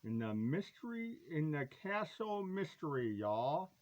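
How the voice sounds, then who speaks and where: A man rambles haltingly and casually about a retro collectible, his delivery playful, hammy and folksy, with words drawn out. His voice is a little high with big pitch swings and a darkish tone, and the audio is dull.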